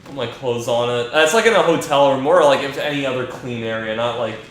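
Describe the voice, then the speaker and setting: A man's voice: medium pitch, fairly quick. A young man giving rambling, crude, filler-heavy commentary while playing a game. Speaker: let's play commentator. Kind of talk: casual gaming commentary. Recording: very echoey room, faint noise.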